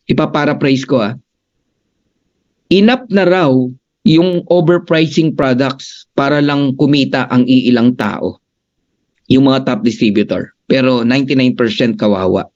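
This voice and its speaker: A man presenting as a business coach, emphatic and animated, addressing his audience directly, on a dull lo-fi recording. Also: medium pitch.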